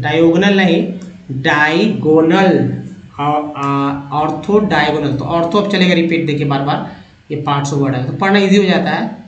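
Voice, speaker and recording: A man's voice: a little high, reverberant, dull audio. A man teaching English vocabulary in Hindi, sounding out long words syllable by syllable and repeating them. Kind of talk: reading word list aloud, explaining word parts.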